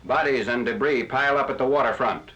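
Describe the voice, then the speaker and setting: A man giving scripted narration for an old 1940s newsreel, in a crisp, formal announcer delivery. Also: medium pitch, fairly quick, pushed and bright, slight background noise. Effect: old 1940s newsreel recording. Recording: lo-fi archival newsreel audio.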